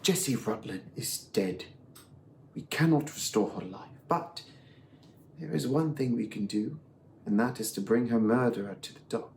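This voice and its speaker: A man playing a sharp Victorian detective who questions people in a crisp, pointed manner. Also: medium pitch, moderate pace, slight background noise, natural voice. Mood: probing. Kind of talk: amateur online musical reading.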